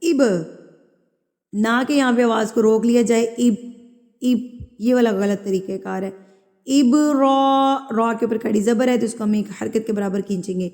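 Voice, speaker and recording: Woman, tajweed teacher, patient, repeats and corrects, mellow tone, long reverb. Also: on the high side, steady tone. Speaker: Quran recitation teacher. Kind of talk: tajweed lesson with slow demonstrated recitation.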